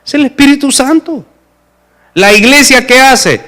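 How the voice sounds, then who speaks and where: High-voiced Salvadoran preacher. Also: male voice, a little slow, sharp tone. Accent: Salvadoran Spanish. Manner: emphatic, asks the listeners rhetorical questions. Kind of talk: sermon.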